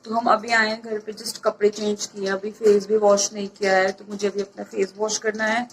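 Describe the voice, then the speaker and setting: A young woman vlogging at home in a relaxed, chatty way, sounding tired. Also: medium pitch. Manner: soft, slow morning talk to keep others asleep. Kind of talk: casual vlog narration. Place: home kitchen. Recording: home video with noticeable noise.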